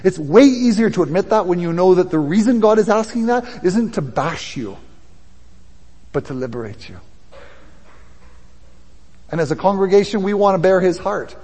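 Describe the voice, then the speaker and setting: A male pastor preaching a sermon to his congregation in a church hall, building from quiet, low passages to loud, impassioned ones. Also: expressive, normal speed, long pauses. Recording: long reverb of a hall.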